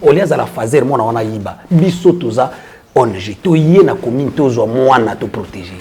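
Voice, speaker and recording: Fast-talking man. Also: mid-range voice, expressive, warm tone, slight background noise. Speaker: church prophet and orphanage founder. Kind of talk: casual interview talk.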